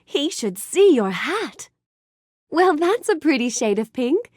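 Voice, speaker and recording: A woman's voice: sits high, sing-song, takes it slowly, a little mellow, no echo, studio quality, exaggerated voice. A woman voicing a gracious, bookish young storybook heroine in a video game, speaking politely and expressively with careful enunciation. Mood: friendly curiosity. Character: Belle, gracious bookish young storybook princess, kind and eager. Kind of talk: scripted video game character lines.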